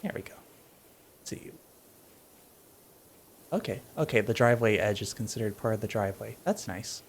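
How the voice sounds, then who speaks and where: Laid-back gravelly-voiced male streamer. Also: fairly low pitch, expressive, moderate pace, slight background noise. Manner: laid-back, wry, thinks aloud while playing. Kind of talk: casual gameplay chat.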